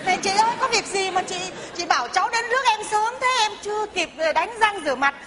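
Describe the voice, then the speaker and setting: A woman's voice: very high-pitched, lively intonation, fast talker, over a noisy crowd. A woman playing a brash bride. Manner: loud, brash, complaining. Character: brash, vain returnee bride from abroad. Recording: live audience, hall noise.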